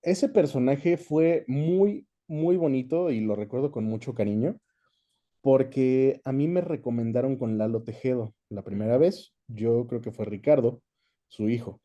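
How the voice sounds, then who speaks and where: A man with a Mexican accent, a dubbing actor and director, chats casually as an interview guest about his experience. His medium-pitched voice is mellow and a little slow, and the audio sounds dull.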